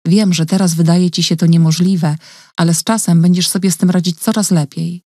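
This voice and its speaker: A woman voicing a gentle, caring woman who speaks softly and calmly in an audiobook reading. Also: fairly low pitch, brisk, no room sound, clean studio sound. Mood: soothing. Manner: soft, calm, reassuring.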